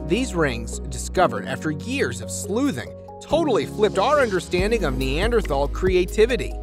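A man's voice: high voice, sing-song, moderate pace. A man giving playful, slangy scripted narration for a countdown video. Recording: music bed under the voice.

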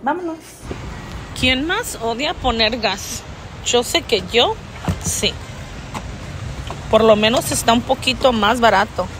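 A talkative vlogger with a higher voice speaks slowly, leaving long pauses, as she chats to her camera and treats her audience like friends. She shifts back and forth between Spanish and English. The phone is held at arm's length, first in her kitchen at home, then in a car, with background noise throughout.

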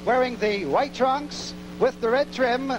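A man making loud, ceremonious boxing ring introductions over an arena microphone with noise behind him. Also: very high voice, unhurried. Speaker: ring announcer. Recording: noisy arena public address sound.

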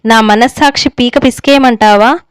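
A woman's voice: on the high side, steady tone, normal speed, smooth, no echo, close to an everyday voice. A woman reading the lines of a stern older village elder husband who lectures on righteousness. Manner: stern, moralizing, unbending. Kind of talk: story reading.

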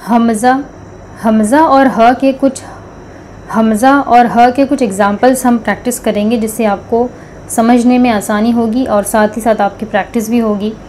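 A woman teaching Quranic pronunciation, patiently repeating each letter sound slowly for practice. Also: a little high, steady tone, darkish tone, slight background noise. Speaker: tajweed teacher. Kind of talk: slow step-by-step recitation lesson.

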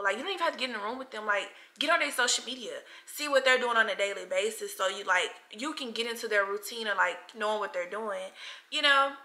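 A woman's voice: a little high, pushed and bright. A 30-year-old woman vlogging casually from her couch, talking with lots of "like" and "y'all". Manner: chatty, frequent "like" and "y'all" fillers. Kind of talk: casual chat to camera. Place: bright living room, seated on a couch. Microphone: camera in front of her.

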